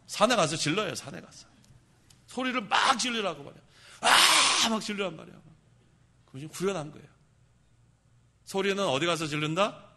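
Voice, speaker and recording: A male pastor preaching a sermon. He asks the congregation questions, answers them himself, and shouts for emphasis. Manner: shouts for emphasis, then drops low.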